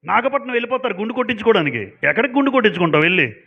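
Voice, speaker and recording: A man's voice: sits high, lively intonation, very fast, gravelly, husky. A man preaching a sermon to a congregation, emphatic and asking them pointed questions. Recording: dull lo-fi sound.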